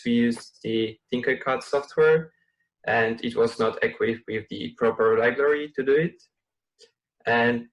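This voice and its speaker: A male student from Poland presenting a technical project, pausing with fillers as he explains. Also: mid-range voice, vocal fry. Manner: hesitant, fillers while explaining.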